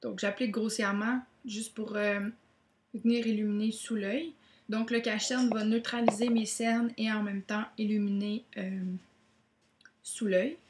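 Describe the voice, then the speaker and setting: A woman's voice: mid-range voice, flat delivery, unhurried, a little mellow, echoey room, a little hiss or hum. A woman gives a chatty makeup tutorial, with many "donc, euh" fillers. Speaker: beauty vlogger.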